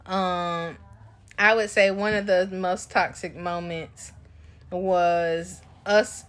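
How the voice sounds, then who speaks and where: A young woman co-hosting a podcast, telling stories in an unhurried way with laughs. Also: fairly low pitch, fairly even intonation. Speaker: podcast co-host. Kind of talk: casual chat.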